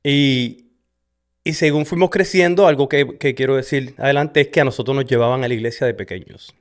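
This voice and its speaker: Speaking fairly quickly at a medium pitch, this middle-aged man from Puerto Rico hosts a podcast and recounts his personal testimony conversationally. His Puerto Rican Spanish is peppered with "¿verdad?" and the Spanglish "so", captured with a studio camera setup.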